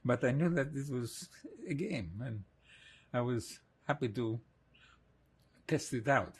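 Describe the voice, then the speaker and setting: Older man from Greece, 80s, husky, unhurried oral-history interviewee. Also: mid-range voice, expressive. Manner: slow, reflective, with soft laughs.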